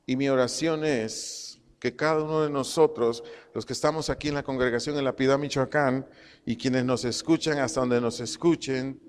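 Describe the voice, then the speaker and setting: Pastor teaching in an echoing church. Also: male voice, medium pitch, steady tone, clean tone. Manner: slow, emphatic teaching, repeats phrases and dictates punctuation. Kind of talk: sermon, Bible teaching. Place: church congregation hall.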